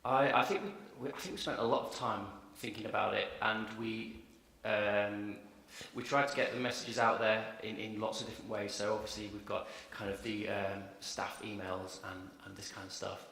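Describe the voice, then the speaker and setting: Male conference speaker, low and gravelly, halting answers, recorded in a roomy lecture hall. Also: fairly even intonation, pushed and bright. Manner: hesitant, many fillers and restarts. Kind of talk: Q&A answers after a talk.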